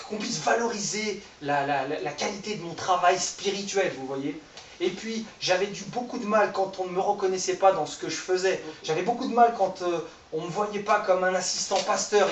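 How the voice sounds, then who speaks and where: High-voiced and in his thirties, this man preaches informally in a church hall, keeping it conversational, poking fun at himself and joking with the crowd. The room echoes, he stands far from the mic, and there's a little hiss or hum.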